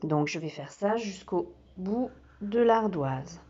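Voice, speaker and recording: Woman, kindergarten teacher, unhurried and patient, dull recording. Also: lowish voice, expressive, mellow, husky. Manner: patient, with many fillers. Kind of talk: slow step-by-step demonstration.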